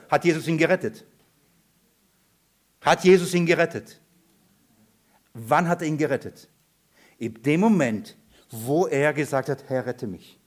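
High-voiced animated male preacher. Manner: animated, asks the congregation questions. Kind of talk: sermon.

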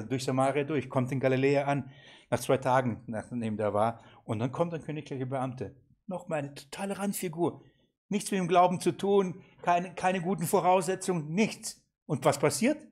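Male seminar teacher, lively and questioning, acts out quotes. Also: on the high side. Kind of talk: interactive Bible seminar teaching.

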